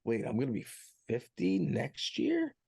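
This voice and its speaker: A man's voice: medium pitch, wildly swooping pitch, measured pace, gravelly, a crowd in the background. A man in his forties co-hosting a podcast, rambling casually with lots of fillers and jokes. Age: 40s. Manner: rambling, filler-heavy, jokey. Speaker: podcast co-host. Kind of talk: casual chat.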